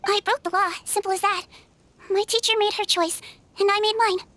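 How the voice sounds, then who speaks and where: A woman's voice: extremely high pitch, steady tone, moderate pace, pushed and bright, dry recording. A woman playing a small, kindly nurse creature in a video game cutscene, youthful, composed and matter-of-fact. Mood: calm, candid.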